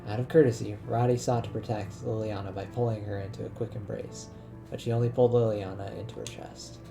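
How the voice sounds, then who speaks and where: A man reading a game's narration aloud in a measured, plain voice. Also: lowish voice, steady tone, vocal fry. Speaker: let's-play narrator. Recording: voice over game music.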